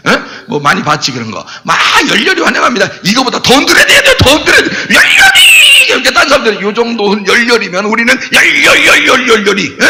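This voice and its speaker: A man preaching a sermon as pastor, animated, jumping between shouts and low asides and quizzing the congregation. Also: creaky, long reverb tail. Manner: explains Greek words, asks the congregation questions. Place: church.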